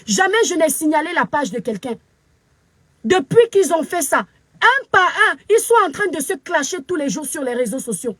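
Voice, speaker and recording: A woman's voice: high voice, big pitch swings, moderate pace, a bit bright, no room sound. A Cameroonian woman with a Cameroonian French accent, ranting angrily into her phone camera as a social media commentator, scolding and preachy with emphatic repetition. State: very upset. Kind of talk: angry live video rant.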